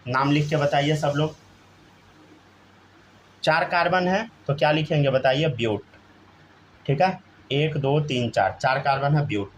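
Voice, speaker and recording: A man's voice: on the high side, a little slow, pauses often, slight background noise. A man teaching a chemistry class, constantly prompting students to answer and checking they follow. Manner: keeps asking students to answer, often says "theek hai". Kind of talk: live classroom lesson.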